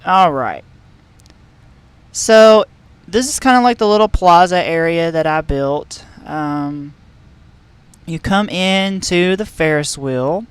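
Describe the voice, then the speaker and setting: A man's voice: fairly high pitch, slow, pauses often, clear, resonant tone, no echo. A man streaming a park-building game, talking casually through a headset at home with lots of fillers and restarts. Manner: rambling, chatty, many fillers and restarts. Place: home room with a heater.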